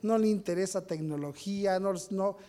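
A man preaching a sermon as a pastor, telling stories, acting out what people said and building to loud peaks. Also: sits high, moderate pace. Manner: storytelling, acts out quotes, rises to shouting peaks.

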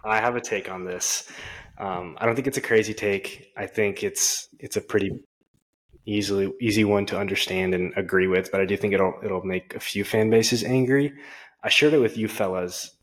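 A man's voice: fairly low pitch, steady tone, normal speed, rough recording. A man co-hosting a sports podcast, chatting casually and rambling with lots of fillers. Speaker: podcast co-host.

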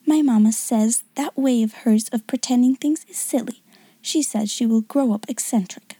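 A woman's voice: fairly high pitch, normal speed, warm tone, breathy edge, dry recording. A woman reading a story, voicing a jealous, spiteful schoolgirl who mocks in a prim, affected tone. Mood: snappish. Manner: sneering, mimicking prim adult tone. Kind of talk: audiobook character reading.

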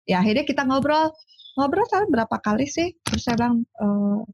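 A woman, a sports psychologist telling lively stories in a casual interview. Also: high-pitched, brisk, dull audio, slight background noise. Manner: animated storyteller, acts out quoted dialogue.

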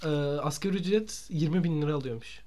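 A young man co-hosting a casual podcast, tossing in quick, teasing remarks. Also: on the high side, mellow. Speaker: podcast co-host.

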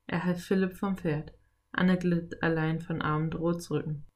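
A woman narrating a children's audiobook in a calm, even storytelling manner. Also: fairly low pitch, unhurried.

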